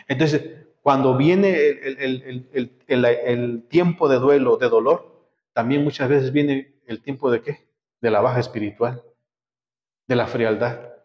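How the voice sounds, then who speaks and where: A man's voice: medium pitch, a little mellow. A man preaching a sermon as pastor, asking the congregation one rhetorical question after another. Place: church hall. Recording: dull lo-fi, echoey church hall.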